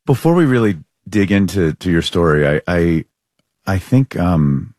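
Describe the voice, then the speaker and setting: A man hosting a show, asking gentle, searching questions with some hesitations. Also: low voice, lively intonation, measured pace, no echo, studio quality. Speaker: podcast host. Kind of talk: interview questions.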